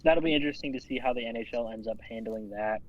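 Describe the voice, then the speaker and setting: A man's voice: mid-range voice, quick pace, lo-fi sound. A man co-hosting a casual podcast, easygoing and rambling, swearing now and then. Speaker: podcast co-host. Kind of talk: casual chat.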